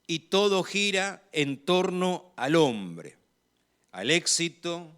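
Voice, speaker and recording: With a slightly high, sing-song voice and an Argentine accent, a man preaches in a measured and emphatic manner. He grows louder as he hits the key phrases.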